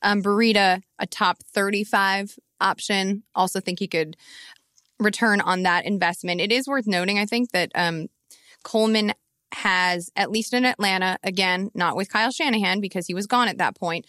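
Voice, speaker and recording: A woman's voice: medium pitch, moderate pace, pushed and bright, no echo, studio quality. A woman co-hosting a sports podcast in a playful, joking manner. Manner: playful, joking, laughs easily. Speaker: podcast co-host. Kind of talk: casual chat.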